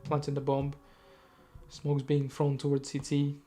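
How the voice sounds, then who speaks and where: A man casting a live esports match, giving quick play-by-play with chatty asides and self-corrections. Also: mid-range voice. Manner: rapid, self-correcting, chatty asides, sudden excited outbursts. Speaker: esports caster.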